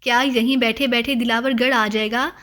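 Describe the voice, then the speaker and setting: A woman's voice: on the high side, fairly even intonation, pitched below the performer's own voice, natural voice. A woman voicing a fiery scolding old mother. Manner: scolding, raised and sharp. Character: older mother, fiery and easily angered.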